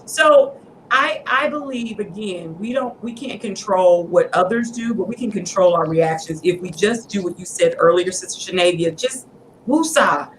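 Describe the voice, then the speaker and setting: A middle-aged woman hosting a casual chat among women, talking in an animated, preachy storytelling way. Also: medium pitch, normal speed, slight background noise, low-quality recording. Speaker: host.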